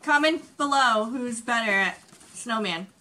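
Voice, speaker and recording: A woman in her twenties co-hosts a casual home vlog in a bright, sharp, fairly high voice. She is recorded across a table with faint room noise behind her. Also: animated, unhurried. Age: 20s. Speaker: challenge video co-host. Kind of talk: casual chat. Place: small home room, indoors. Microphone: camera across a table.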